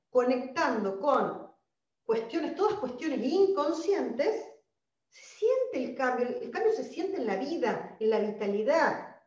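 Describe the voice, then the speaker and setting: Argentine woman, high lively voice, emphatic live-stream host in an echoey room. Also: distant mic, highs cut off. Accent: Argentine Spanish. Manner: animated, emphatic, addresses viewers directly. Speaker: holistic wellness host. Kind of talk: live-stream spiritual talk.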